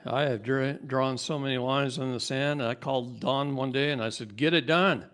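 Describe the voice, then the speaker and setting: A man speaking at a seminar in a mid-range voice, animated and joking with the room. When he gets worked up, his voice climbs noticeably higher. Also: moderate pace. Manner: animated, jokey, voice rises high when worked up. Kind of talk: live seminar talk.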